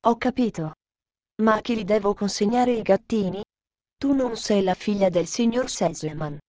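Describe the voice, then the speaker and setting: A woman's voice: mid-range voice, normal speed, dark tone, natural voice. A woman voicing a kindly old male bell-tower keeper in a storybook reading.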